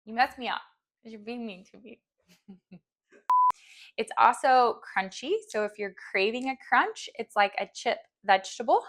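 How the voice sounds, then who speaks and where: A woman's voice: fairly high pitch, lively intonation, moderate pace, pauses often, fairly bright tone. A woman hosting a cooking show, chatty and giggly, stumbling over words as she demonstrates a recipe.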